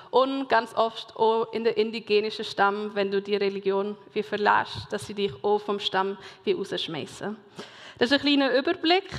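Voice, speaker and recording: A woman's voice: on the high side, fairly bright tone. A young woman gives a talk to a group as a youth worker, hesitant, with many fillers and restarts. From Switzerland, raised in Mongolia. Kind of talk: presentation to a group. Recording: long reverb in a hall.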